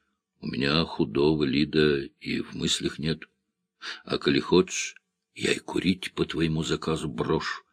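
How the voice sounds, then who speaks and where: A man's voice: very deep voice, steady tone, measured pace, husky, pitched below the performer's own voice, heavily acted. A man reading the part of an earnest, lovesick village electrician, pleading and sincere.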